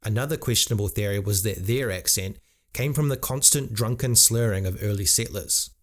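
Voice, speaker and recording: A man with a New Zealand accent giving clear, lightly wry scripted narration for an explainer video. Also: fairly low pitch, normal speed.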